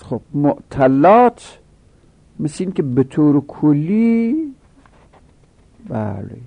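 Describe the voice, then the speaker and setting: A man's voice: fairly high pitch, big pitch swings, no room sound, phone-quality sound. A middle-aged man teaching a grammar lesson, reciting word forms in rhythmic drills and rising with emphasis on key points.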